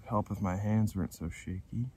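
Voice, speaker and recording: A man's voice: lowish voice, normal speed, darkish tone, slightly rough. Young man fishing outdoors, easygoing. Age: young adult. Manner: easygoing, enthusiastic, explains as he fishes. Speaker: fishing vlogger. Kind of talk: casual on-camera commentary. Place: outdoors on a frozen lake. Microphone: camera on the ice nearby.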